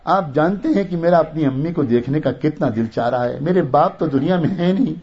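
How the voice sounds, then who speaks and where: A man's voice: on the high side, slightly rough. A man voicing a young orphan boy who longs for his mother, speaking in a pleading, heartfelt way. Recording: dull lo-fi recording.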